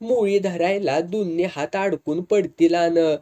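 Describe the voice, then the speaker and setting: A man's voice: sits high, unhurried, mellow. A narrator voicing a playful young village man who speaks in easygoing rural dialect. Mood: teasing. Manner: teasing, easygoing rural speech.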